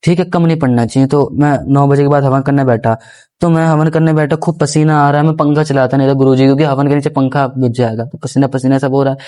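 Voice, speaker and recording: A man's voice: mid-range voice, fairly even intonation, fast talker, mellow. A young man, a podcast guest, earnestly telling a personal story in a rambling, respectful way, often calling the host guruji. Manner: rambling, with restarts and repeated phrases. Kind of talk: casual first-person storytelling.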